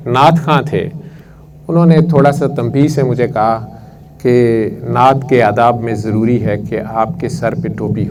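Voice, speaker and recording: A man earnestly recounting a personal spiritual story at a prayer session, unhurried and reflective. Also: medium pitch, poor audio. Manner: unhurried and earnest, recites verses slowly.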